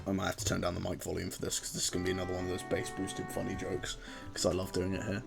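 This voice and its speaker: A man with a low, gravelly voice talks his way through a game stream in a loose, rambling manner, often breaking off mid-thought. Steady music plays behind his commentary. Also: racing. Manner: rambling, chatty, self-interrupting. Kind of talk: casual gameplay commentary. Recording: background music under voice.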